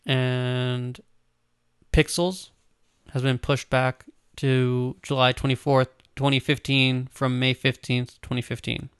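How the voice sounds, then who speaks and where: A man's voice: mid-range voice, flat delivery, takes it slowly, clean tone, no echo, clean studio sound. A man in casual chat about movie news, loose and rambling with lots of filler words.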